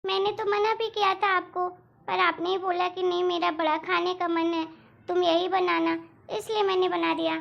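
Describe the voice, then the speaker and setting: Meek young bahu, polite and pleading, very high voice with a gravelly edge. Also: female voice, level tone, moderate pace, muffled recording, exaggerated voice. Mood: apologetic. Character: meek dutiful young daughter-in-law. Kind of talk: animated cartoon voice acting.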